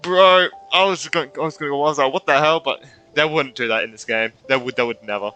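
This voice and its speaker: A young gaming streamer with a fairly high, bright, forceful and clean voice reacts to a game a little quickly in casual slang, often exclaiming and trailing off mid-thought. Game music plays behind him.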